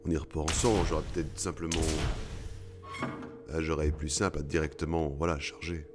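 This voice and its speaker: A man with an extremely deep voice talks through a horror game in a loose, joking commentary, swearing now and then at his mistakes. Faint game music plays underneath. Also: flat delivery, moderate pace. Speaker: let's play gamer. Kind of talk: casual gameplay commentary.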